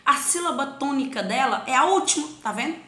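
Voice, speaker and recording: In an echoey room, a bright, fairly high-voiced teacher gives children an expressive grammar lesson. She slowly stretches syllables to show the stress and plays both teacher and pupils, asking their questions herself.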